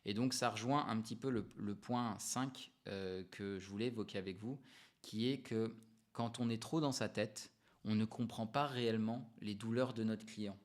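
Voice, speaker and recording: A man's voice: on the low side, fairly even intonation, moderate pace. Man talking business advice. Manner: conversational, explanatory, emphatic repetitions; frequent hesitations and self-corrections. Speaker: business coach. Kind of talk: unscripted advice to camera.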